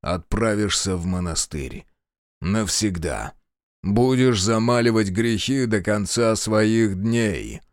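A man playing a stern male prince and archmage in an audiobook, speaking slowly and coldly with authority. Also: on the low side, dry recording, studio quality. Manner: slow, cold, commanding.

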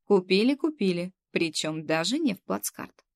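A woman voicing a middle-aged female kindergarten head who is fussy, bossy and coaxing, with a gravelly edge. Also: mid-range voice, big pitch swings. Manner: coaxing, bossy, quick to scold.

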